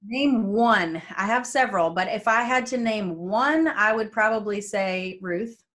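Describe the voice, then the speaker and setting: A woman in her forties from New Jersey, a guest telling lively family stories over a video call from her home. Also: mid-range voice, measured pace. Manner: animated storyteller who acts out quoted family members. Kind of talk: casual faith interview.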